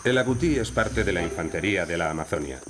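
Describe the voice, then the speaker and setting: A man with a low voice narrates a nature documentary from a script, talking fast with lively intonation. Crickets, insects and other rainforest wildlife hum behind him.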